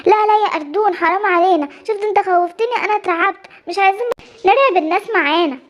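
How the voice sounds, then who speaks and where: A woman voicing a timid young cub boy in an Egyptian Arabic cartoon, with a squeaky, rushed voice. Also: fairly bright tone. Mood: upset. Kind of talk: cartoon voice acting.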